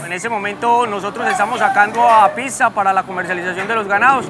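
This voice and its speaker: A man's voice: high-pitched, fast talker. A man formally explaining his company's work as its representative in an interview. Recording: clear outdoor ambient noise.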